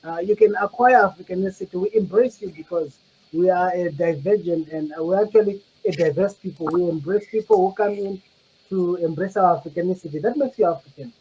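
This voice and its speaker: Man panelist with a high voice, halting and reflective, muffled lo-fi audio. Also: animated, gravelly, mellow, a little hiss or hum. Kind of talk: casual panel discussion.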